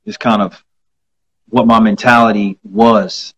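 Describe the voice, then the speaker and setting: A man hosting a casual interview chat on a video call, talking in a reflective way with drawn-out phrases and many fillers. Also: on the low side, little pitch movement, fairly bright tone, highs cut off. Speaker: host.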